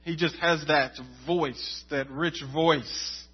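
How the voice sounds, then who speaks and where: A man's voice: fairly high pitch, fairly even intonation, slow pace, slightly rough, lo-fi sound. A pastor preaching a sermon in a conversational way, repeating words to stress his points.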